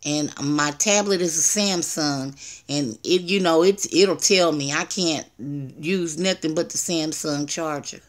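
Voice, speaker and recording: A woman's voice: deep voice, measured pace. Chatty older woman on a live stream. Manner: chatty, rambling, laughs at herself, greets viewers by name. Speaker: livestreamer. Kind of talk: casual live-stream chat. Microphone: tablet's built-in mic.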